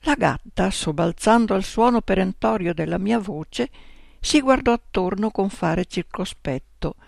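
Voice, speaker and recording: A woman's voice: mid-range voice, expressive, a little slow, creaky, darkish tone, no room sound, studio quality. Woman reading a playful story aloud. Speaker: narrator and storyteller.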